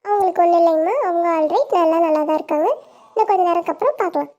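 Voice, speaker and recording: A child doing a brisk hospital nurse. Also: very high-pitched, mellow, lo-fi sound. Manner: brisk, instructing.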